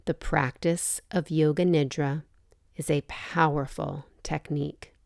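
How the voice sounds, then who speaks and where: Leading a yoga nidra meditation, a low-voiced woman gives relaxation instructions in short phrases with pauses between them. Her pace is very slow and measured, her intonation fairly even, and her gentle, soothing voice carries some vocal fry.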